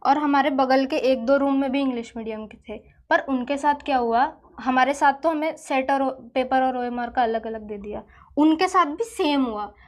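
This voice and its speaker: A woman's voice: high voice, moderate pace. A woman, an exam candidate, answering interview questions and telling what happened in detail, with some hesitation. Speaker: exam candidate recounting events.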